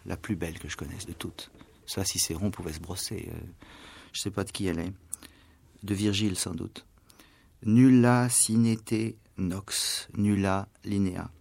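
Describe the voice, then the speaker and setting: A male writer giving a radio interview, hesitant, full of fillers and stammered restarts, sometimes dropping to soft asides. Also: on the low side. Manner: trails off to soft, near-whispered asides. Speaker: writer and translator being interviewed. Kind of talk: radio interview, musing and literary. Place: radio studio.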